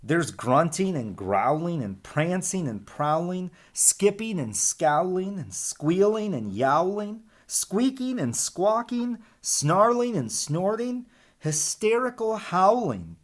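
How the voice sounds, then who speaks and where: Reading aloud to young children, the elementary school teacher speaks with a high voice and takes his time. He gives the picture book a lively, rhyming performance and turns to the children now and then with informal, chatty remarks.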